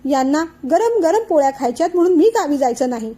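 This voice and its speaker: Tearful sulking young wife read by a woman, high mellow voice, audiobook drama. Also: expressive, fairly quick. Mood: tearful complaint. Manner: complaining through tears.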